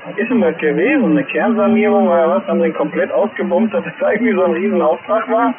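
Guy on cb radio talking quick, tinny and staticky. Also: high-pitched, background noise. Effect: over CB radio. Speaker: CB radio operator.

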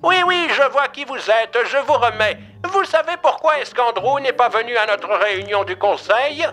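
A man voicing a bossy, blunt old woman mage in an audio story, in a shrill voice. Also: animated, normal speed, pushed and bright, soft background music, heavily acted.

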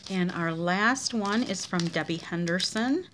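Slow, chatty woman showing handmade cards. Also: fairly low pitch, expressive, background noise. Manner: chatty, unhurried, gushing over each card. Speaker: craft demonstrator showing card swaps. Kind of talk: casual craft vlog.

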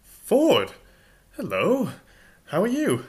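A man's voice: mid-range voice, lively intonation, slow pace. A man reading a storybook voices a flustered, indignant Englishman lying in the mud, speaking in sarcastic, exasperated bursts.

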